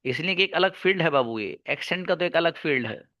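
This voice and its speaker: Bright-voiced male teacher lecturing emphatically. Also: a little high, expressive, brisk, dry recording, studio quality. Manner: emphatic, addresses listeners as brother, switches into Arabic and English examples. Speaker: English teacher. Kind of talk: online class lecture.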